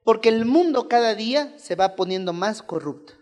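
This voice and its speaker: A woman's voice: a little high, animated, normal speed, darkish tone. Emphatic woman preaching in a reverberant hall. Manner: emphatic, repeats key words, calls on the congregation. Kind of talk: sermon.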